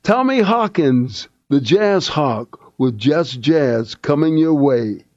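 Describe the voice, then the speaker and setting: A man hosting a jazz radio show, announcing tracks in unhurried, easygoing DJ patter, heard through an AM radio broadcast. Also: fairly high pitch, expressive, a little mellow, dry recording. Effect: AM radio broadcast sound. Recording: dull lo-fi AM radio, dry.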